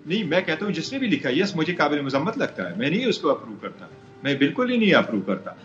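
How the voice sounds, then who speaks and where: A man's voice: fairly high pitch, big pitch swings, fairly bright tone, echoey room, muffled recording, soft background music. A male lawyer arguing as a guest on a live TV debate, insistent and repeating phrases as he makes his point.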